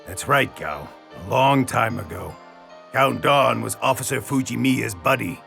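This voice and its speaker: A man voicing a composed, knowledgeable adult in an animated series, recounting the past in a measured, grave way. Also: medium pitch, gravelly, soft background music, heavily acted. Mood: grave, explanatory.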